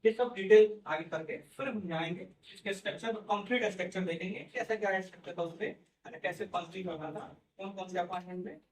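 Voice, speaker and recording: A man lectures to a classroom, talking through each point step by step and checking in with his students as he goes. His voice sits high for a man. He has no microphone, so he sounds distant and the room echoes around him. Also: fast, slight background noise. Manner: explains step by step, repeats "theek hai" and "hai na". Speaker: teacher. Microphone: no microphone, far from the recorder.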